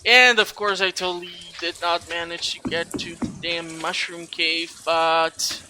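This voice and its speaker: A gaming video host delivers casual let's play commentary in a mid-range, level voice at a measured pace, chatty and rambling with some mild swearing. Loud video game music fills the noisy background.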